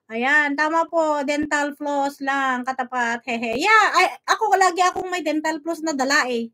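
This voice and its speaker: A woman from the Philippines hosting a vlog, chatting casually about a video, laughing often and reading out viewer shout-outs. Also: sits high, a little slow. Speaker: vlog host commenting on a video. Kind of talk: casual live commentary.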